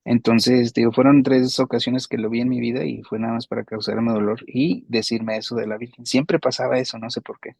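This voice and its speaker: Guy telling his faith story, earnest and kinda repetitive, pretty flat voice, dry close sound. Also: mid-range voice, fairly quick, vocal fry, hardly any pauses, breathy edge, no room sound. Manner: earnest, repetitive, emotional retelling. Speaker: guest giving a faith testimony. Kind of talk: personal testimony in conversation.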